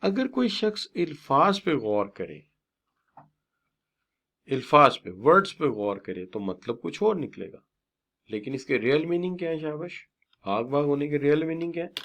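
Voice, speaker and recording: A man's voice: fairly high pitch, big pitch swings, normal speed, a bit bright. A middle-aged man giving a classroom lecture on business communication, stretching and stressing words as he teaches and often praising his students. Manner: mixes English terms into his explanations.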